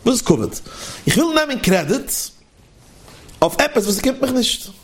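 Lively man preaching with lilt. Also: very high voice, moderate pace. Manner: lively, questioning, sing-song delivery. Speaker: religious teacher. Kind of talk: sermon to listeners.

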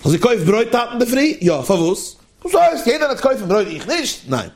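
A man giving a sermon in a lively, questioning, sing-song manner. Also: very high voice, brisk. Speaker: religious teacher. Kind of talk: sermon to listeners.

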